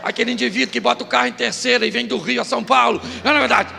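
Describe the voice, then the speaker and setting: A middle-aged Brazilian pastor giving a comic sermon in a church, bursting into shouts and acting out voices. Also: male voice, very high voice, fairly even intonation, rapid-fire, vocal fry, in a large hall, slight background noise. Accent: Brazilian Portuguese. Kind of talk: humorous Pentecostal sermon. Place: church hall.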